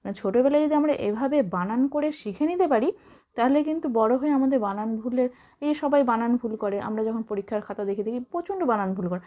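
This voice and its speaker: Woman spelling slowly for children. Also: fairly high pitch, muffled recording. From Bengal. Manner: slow, drawn-out letter-by-letter spelling with encouraging asides. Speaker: teacher.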